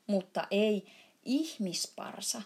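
A big friendly giant voiced by a woman rumbles and booms through a storybook reading, tripping over his own words. He is muddled and good-natured, prone to sudden shouts. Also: expressive, breathy edge. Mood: booming muddled. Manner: jumbled grammar, booming shouts.

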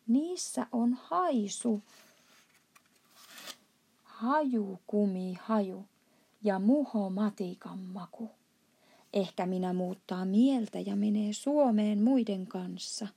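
A woman voicing a brutish male giant who eats children, loud, gloating and hurling insults in a storybook reading. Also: mid-range voice, gravelly, slightly rough.

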